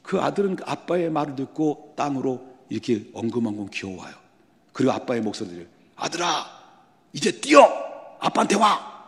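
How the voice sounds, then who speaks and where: A male pastor preaching a sermon in a church sanctuary, his voice at a middling pitch. He often puts rhetorical questions to the congregation and climbs to loud, emphatic stretches. A long hall reverb trails each phrase. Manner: builds to loud, high emphatic passages.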